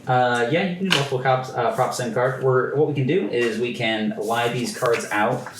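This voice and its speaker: A man running a tabletop game as game master, explaining the rules at a table with many pauses and fillers. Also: mid-range voice, recorded from a distance. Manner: halting, filler-heavy explaining. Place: room around a gaming table. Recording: echoey room with faint noise.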